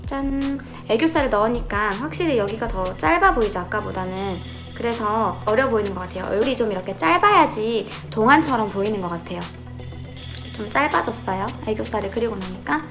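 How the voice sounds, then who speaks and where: A woman in her thirties giving a casual, gentle step-by-step makeup tutorial at home. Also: on the high side, animated, fairly quick, over music.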